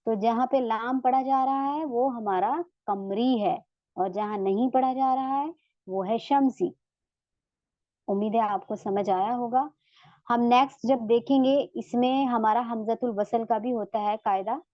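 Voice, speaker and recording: A woman's voice: fairly high pitch, unhurried, dry recording, lo-fi sound. A woman teaching a tajweed lesson online, explaining patiently and repeating examples. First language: Urdu.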